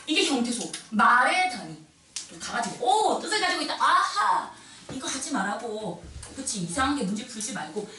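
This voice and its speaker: A bright, high-voiced woman teaches a middle school class with lively, swooping emphasis and quick asides to students. Her voice carries from some distance in an echoey classroom with faint background noise. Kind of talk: classroom lecture.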